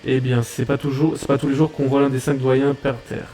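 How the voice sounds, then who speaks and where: A man hosting a reaction video, chatting casually in excitable, slangy banter and repeating his own phrases. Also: medium pitch, brisk, soft background music.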